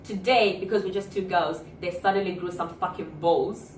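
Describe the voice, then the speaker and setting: A young woman recounts a story in a lively, blunt way, swearing freely. She sits away from the mic, and the room rings noticeably with a faint hiss underneath. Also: on the low side, moderate pace, roomy sound, far from the mic. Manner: animated, swears freely, acts out quotes. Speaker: vlogger. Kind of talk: casual story time.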